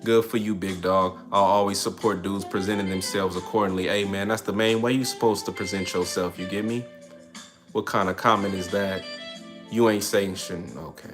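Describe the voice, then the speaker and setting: A man's voice: low-pitched, steady tone, fairly quick, over music. A man hosting a livestream in casual talk, reading and answering chat comments in a streetwise, preachy manner. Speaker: livestream host.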